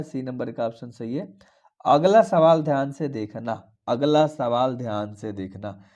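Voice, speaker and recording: A man's voice: fairly high pitch, mellow. A young man with a Bihari Hindi accent, going through exam questions, repeating each answer and coaxing his students along. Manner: repetitive, coaxing, calls students darlings. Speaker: teacher. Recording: dull lo-fi recording.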